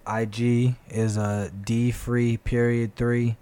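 A man's voice: medium pitch, level tone, dark tone, clear, resonant tone. Blunt slangy young man. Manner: blunt, slangy, quick to react. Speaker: podcast co-host. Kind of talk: casual chat.

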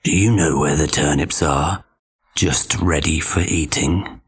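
A man voicing a hungry, scheming male wolf with a slow, growly voice, menacing and then falsely friendly. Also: rumbling low, breathy edge, pitched below the performer's own voice, heavily acted. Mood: fake friendly.

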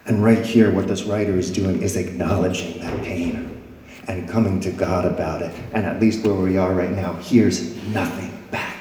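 A pastor with a deep, mellow voice reads scripture dramatically during a sermon before a congregation, raising and dropping his voice, though his intonation stays fairly even at a normal speed. The church's echoey hall adds long reverb, and there's a little hiss or hum.

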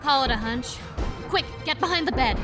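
An actress playing a brisk, composed woman taking charge in a radio drama. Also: high-pitched, animated, music in the background.

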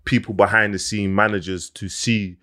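A man with a slightly low voice and a London roadman accent hosts a podcast. He interviews in relaxed wording, full of street slang. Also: normal speed. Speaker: podcast host.

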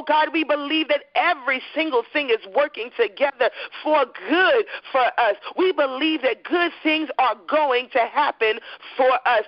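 A woman's voice: sits high, no room sound, dull audio. A woman leading a fervent spoken prayer over a call-in line, in a rhythmic, repetitive declaring manner. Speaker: prayer leader. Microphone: phone line.

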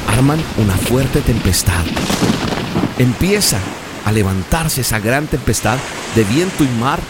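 A man preaching a sermon, retelling a story vividly with dramatic pauses. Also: mid-range voice, expressive, heavy background noise. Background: soft music.

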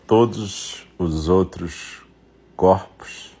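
A man with a Brazilian accent and a husky voice leading a guided meditation in short, unhurried phrases with long pauses. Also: low-pitched, warm tone.

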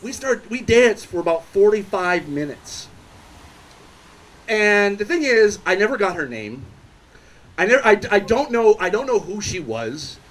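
A young man tells a stand-up story at a live show in a bar. His voice sits high and leaps around constantly. He trips over his words and restarts while the tale tumbles out. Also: a little slow, low-quality recording. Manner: rambling, self-interrupting, animated. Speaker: stand-up comedian.

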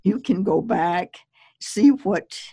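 A woman poet giving relaxed, measured advice as a podcast guest, chatty and laughing lightly. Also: medium pitch, breathy edge, no echo.

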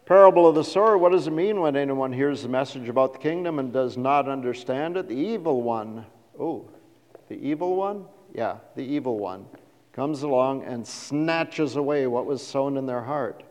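A middle-aged man preaching a sermon as a pastor, animated and asking the congregation questions. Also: mid-range voice, normal speed. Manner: animated, acts out quoted voices, asks the congregation questions. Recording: reverberant hall.

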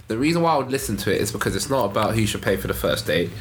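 A man's voice: lowish voice, sing-song, racing, a little hiss or hum. A man debating casually on a podcast, blunt and repetitive, firing off rhetorical questions. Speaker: podcast panellist and studio owner.

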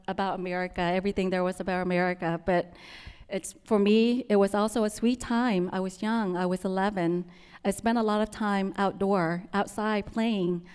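A young woman from Vietnam with a Vietnamese accent, softly telling her personal story to an audience, with many pauses and restarts. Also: mid-range voice, smooth, long reverb tail. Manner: soft-spoken, with frequent ums and restarts.

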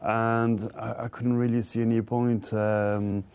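A man's voice: mid-range voice, flat delivery, slow, a little mellow, smooth. A middle-aged man from France, a horse trainer, answering interview questions with many restarts and chuckles; French is his first language. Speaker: racehorse trainer.

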